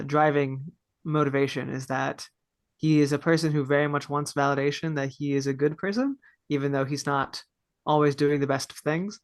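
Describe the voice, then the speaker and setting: A man's voice: a little high, fairly bright tone, clean tone, no echo. A man in his early twenties from Texas, answering a podcast interview in a thoughtful, earnest way with a few fillers. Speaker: podcast guest. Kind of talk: casual interview chat.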